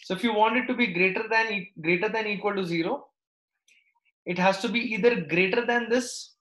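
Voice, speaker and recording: A man's voice: high voice, fairly quick, a bit bright. A man teaching maths live, working through steps aloud and checking understanding with short questions. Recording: echoey, roomy sound.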